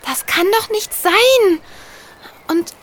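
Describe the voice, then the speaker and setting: A woman's voice: very high-pitched, expressive, slow pace, a bit bright, heavily acted. Malou, a woman playing a bewildered little fairy girl. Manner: confused, stammering questions. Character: eight-year-old girl turned fairy, bewildered. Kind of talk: children's audio drama.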